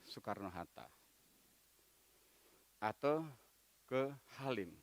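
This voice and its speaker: A man preaching a sermon as a pastor in a church, telling a story with big swings in loudness. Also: on the low side, lively intonation, takes it slowly.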